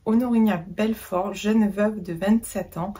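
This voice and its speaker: A woman's voice: medium pitch, steady tone, slow, mellow, breathy edge. A woman talking casually about books in a reading vlog, chatty with many fillers and restarts. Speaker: book vlogger.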